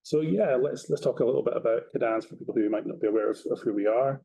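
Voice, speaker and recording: A Scottish man with an Edinburgh accent speaks fast in a mid-range, mellow, slightly rough voice with vocal fry. As a property company representative guesting on a webinar, he talks in an easygoing, conversational way, often repeating words.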